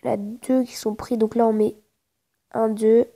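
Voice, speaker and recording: A woman gaming video creator with a mellow, high voice gives casual live gameplay commentary at a moderate pace and level tone. She speaks informally with slang, often swears in frustration, and hesitates, repeating phrases as she thinks aloud.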